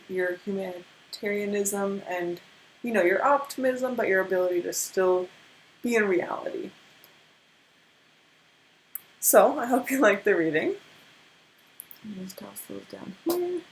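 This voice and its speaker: A woman's voice: medium pitch, expressive, measured pace, long pauses, slight background noise, poor audio. A tired young woman with a stutter, giving a casual tarot card reading after very little sleep, with many restarts. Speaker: tarot reader.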